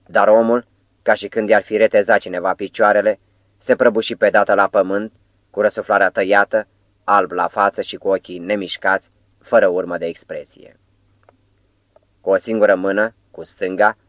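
Male audiobook narrator, very low voice, dry close recording. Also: dry recording. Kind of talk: scripted narration.

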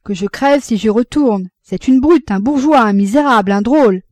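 Woman doing angry male painter, loud indignant outbursts, dry close sound, mellow tone. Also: fairly high pitch, normal speed, dry recording, lightly acted. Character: hot-tempered adult male painter.

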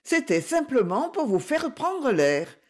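A reader voicing a gentle, determined woman in her seventies, speaking softly and coaxingly in a slightly raised voice. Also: medium pitch, very animated, measured pace, slightly rough, pitched above the performer's own voice. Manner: soft-spoken, coaxing.

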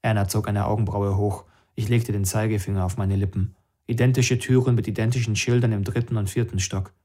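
A man reading a first-person story as an audiobook narrator, steady and even. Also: fairly low pitch, a little fast.

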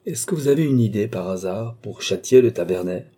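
A man's voice: lowish voice, animated, a little fast, mellow, husky. A man reading the part of an eager, boastful male viscount caught up in his own schemes.

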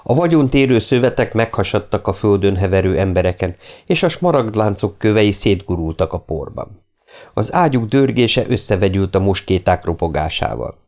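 A man narrating an audiobook in a steady, measured reading voice. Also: fairly low pitch. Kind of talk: scripted narration.

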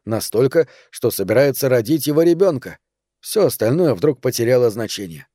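A man reading a thriller novel aloud in steady, scripted narration. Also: mid-range voice, moderate pace, dry recording, clean studio sound. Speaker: audiobook narrator.

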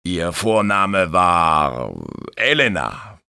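A man's voice: deep voice, big pitch swings, drawn-out words, pushed and bright, clear, resonant tone, heavily acted. A man voicing an older male lifeguard who speaks coolly and matter-of-factly. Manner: cool, matter-of-fact.

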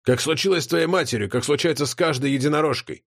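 A man's voice: a little high, quick pace, breathy edge, dry recording, clean studio sound. A man voicing a cheeky, potbellied male chaos creature who mocks and lectures in a folksy way. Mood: lecturing.

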